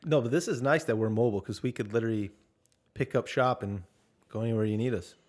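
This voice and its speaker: A man with a mid-range voice co-hosting a casual podcast chat. He is playful and quick with a joke. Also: medium pitch, a little mellow. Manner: playful, jokey. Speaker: podcast co-host.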